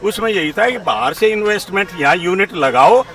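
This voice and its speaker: High-pitched man in his seventies. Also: expressive, a little fast, bright, forceful tone. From India. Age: 70s. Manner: repeats a verbal filler, mixes English terms into speech. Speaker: interviewee giving political opinions. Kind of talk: street interview, opinionated explaining. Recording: distant mic, outdoor street recording.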